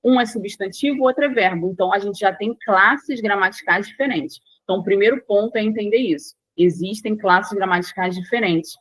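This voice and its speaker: Brazilian woman teaching with steady repetition. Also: mid-range voice, a little fast, hardly any pauses, dry recording, rough recording. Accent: Brazilian Portuguese. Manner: explanatory, repeats key points, checks in with "tá?". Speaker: Portuguese language teacher. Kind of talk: online lesson.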